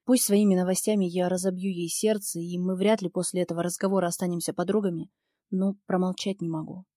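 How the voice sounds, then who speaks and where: A woman's voice: lowish voice, flat delivery, fast talker, warm tone, dry recording, clean studio sound. A woman reading a first-person novel aloud in a tense, intense manner. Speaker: audiobook narrator.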